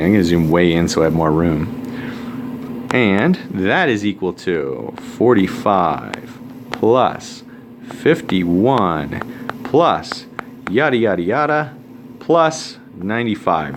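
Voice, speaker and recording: Man teaching math in a lively voice. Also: low-pitched, noisy background. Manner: casual, joking asides while writing. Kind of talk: recorded screen lesson.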